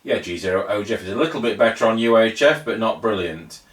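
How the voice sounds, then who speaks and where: A man's voice: lowish voice, animated, fast. A man working a base radio station, making brief procedural calls heard over a two-way radio. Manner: brief, procedural call-and-response. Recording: distant, roomy radio audio with faint noise.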